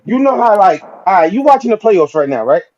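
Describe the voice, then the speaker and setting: A battle rapper from Brooklyn, New York, guests on a casual podcast chat, talking emphatically in heavy street slang and repeating "you feel me." His voice is high-pitched, very animated, a little fast, and a little mellow, with lo-fi sound.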